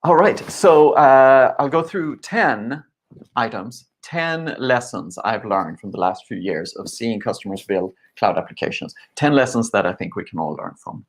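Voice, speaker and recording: A man in his forties, from Sweden, giving an online conference talk in a relaxed way, with many fillers. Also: medium pitch, measured pace. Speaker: conference speaker.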